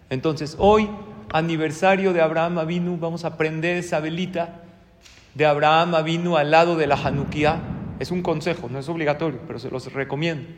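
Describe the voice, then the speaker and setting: A man, a rabbi giving a sermon and telling a story, lively and acting out the characters' voices. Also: fairly high pitch, a little hiss or hum. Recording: long hall reverb.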